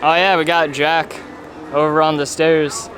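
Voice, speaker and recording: A man's voice: fairly high pitch, little pitch movement, measured pace, over music. A man hosting a vlog, explaining things casually like a tour guide as he walks through a busy theme park outdoors. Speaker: vlog host. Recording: loud crowd noise outdoors.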